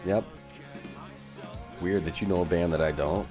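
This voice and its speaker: A man's voice: low-pitched, steady tone, measured pace. A man co-hosting a podcast, chatting casually about music, joking and swearing freely. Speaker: podcast co-host.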